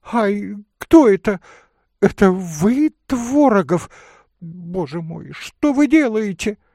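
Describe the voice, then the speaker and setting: A flighty society lady, put on by a male narrator, chatters in a high, leaping voice, gushing and breathless. The voice is gravelly underneath and dry, read in audiobook style. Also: lively intonation, slow pace, darkish tone, no room sound, exaggerated voice. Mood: frightened, pleading. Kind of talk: audiobook character reading.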